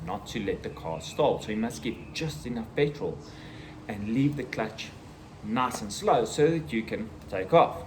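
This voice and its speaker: A South African man in his thirties telling a personal story in a casual vlog, acting out the voices and the shouting. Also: lowish voice, animated, a little slow, noisy background. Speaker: vlogger.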